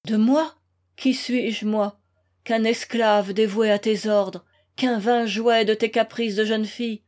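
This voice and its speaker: Read by a woman, a desperate young man in a storybook pleads with anguished passion. His words come slow and heavy, in a slightly high register. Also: steady tone, darkish tone.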